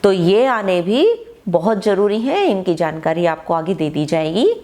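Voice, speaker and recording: A woman teacher giving an online grammar lesson, who explains slowly and reads her example sentences aloud with emphasis. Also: on the low side, sing-song, dark tone.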